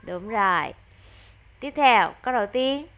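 A woman with a Vietnamese accent tutoring a child in English online, encouraging and slowing down to model English words clearly. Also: a little high, animated, phone-quality sound.

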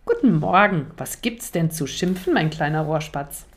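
A woman's voice: low voice, lively intonation, normal speed, a little hiss or hum. A woman voicing a sleepy, cheerful mother who speaks fondly to her children. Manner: fond, coaxing.

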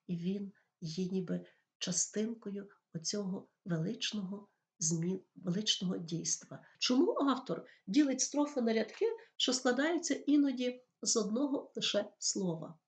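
A woman's voice: mid-range voice, unhurried. A woman teacher giving a school lesson on poetry, explaining patiently and reading verse lines aloud. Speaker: literature teacher.

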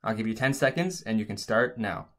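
A man's voice: on the low side, lively intonation, fairly quick, fairly bright tone. A man narrating an instructional language lesson as a teacher, explaining things step by step.

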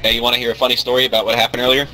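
A man's voice: medium pitch, little pitch movement, racing, poor audio. A man in casual, profane squad chat during a game, with a teasing storytelling manner. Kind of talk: casual profane gaming banter.

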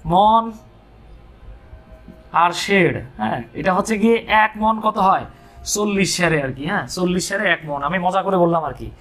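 A man's voice: sits high, brisk, fairly bright tone, soft background music. A man from Bangladesh teaching English grammar in a live online lesson, chatty, with joking asides and rhetorical questions. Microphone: streaming mic for a live video.

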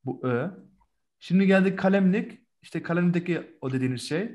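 A man's voice: high voice, fairly quick, a little mellow, highs cut off. A male teacher giving a remote German lesson over a video call, patiently drilling vocabulary and praising his students' answers.

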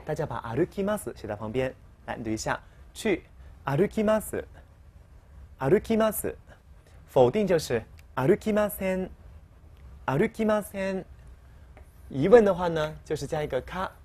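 A woman's voice: low-pitched, lively intonation, normal speed, dark tone. Methodical woman drilling vocabulary. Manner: methodical, repeats each word twice for drilling; patient, step-by-step explaining with questions to the learner. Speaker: Japanese language teacher. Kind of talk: recorded vocabulary lesson.

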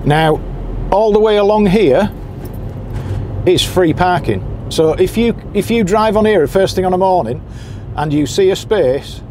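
Guy narrating his drive into town, kinda high voice, friendly and practical, road noise loud under it. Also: expressive, unhurried. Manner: chatty, practical, gives directions. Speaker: boat skipper's guide to anglers. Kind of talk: casual driving commentary. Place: in a moving car. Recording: car and road noise behind.

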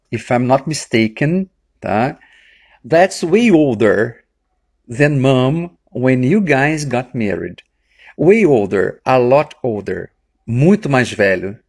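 A Brazilian man teaches English grammar using film clips, speaking with a Brazilian Portuguese accent. He says the English phrases again slowly and deliberately, in a mid-range voice that is slightly mellow and husky.

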